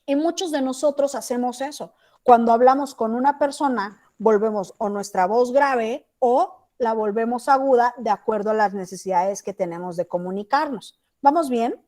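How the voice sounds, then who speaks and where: A woman with a Mexican accent teaches a class over a video call. Her voice sits high, and her talk is chatty, with frequent checks that everyone is following along. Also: moderate pace, few pauses, a little mellow. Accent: Mexican Spanish. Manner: chatty, asks checking questions. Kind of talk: online class lecture.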